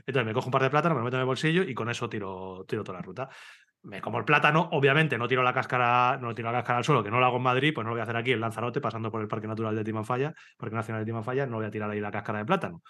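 A man from Spain, a podcast host, telling a comic story in casual chat, animated and laughing, swearing freely. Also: medium pitch, racing. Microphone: video call.

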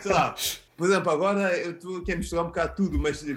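A man with a European Portuguese accent talks in a notably high voice, riffing loosely and animatedly. He often breaks into laughter in a casual podcast chat. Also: steady tone, rapid-fire, background noise. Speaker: podcast host.

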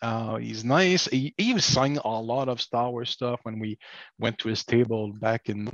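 A man's voice: medium pitch, moderate pace, fairly bright tone, no echo. A man co-hosting a podcast in casual chat. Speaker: podcast co-host. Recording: dull, dry lo-fi microphone.

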